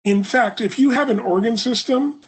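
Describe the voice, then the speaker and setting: Speaking in a very high voice, a man delivers a webinar lecture remotely through his computer microphone. Hoarse and occasionally coughing, he explains things at a measured pace, using plenty of fillers.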